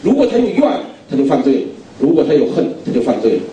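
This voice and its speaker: Mellow-voiced preacher in an echoing hall. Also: male voice, mid-range voice, sing-song, fast, a little hiss or hum. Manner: emphatic, repeats key phrases, asks the audience questions. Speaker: guest preacher. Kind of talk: sermon. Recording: very echoey hall, distant mic.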